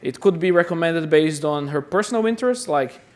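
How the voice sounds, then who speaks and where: In a conference hall, a man from Brazil gives an animated, fairly quick talk in a higher-than-average voice. His delivery is chatty and self-deprecating, with frequent repetition of words.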